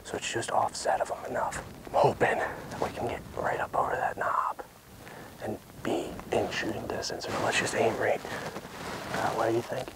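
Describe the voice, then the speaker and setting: A man whispering hushed commentary outdoors while stalking wildlife, as if careful not to be heard by the animals. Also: lowish voice, huge pitch swings, moderate pace, vocal fry, low-quality recording. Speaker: bowhunter filming his hunt. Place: outdoors in open hilly country.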